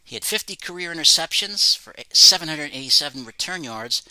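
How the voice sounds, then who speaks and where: A man's voice: fairly high pitch, expressive, fairly quick, pushed and bright, no echo, poor audio. A man presenting items from his autograph collection, reading facts about each in a plain, matter-of-fact way. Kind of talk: casual show-and-tell narration.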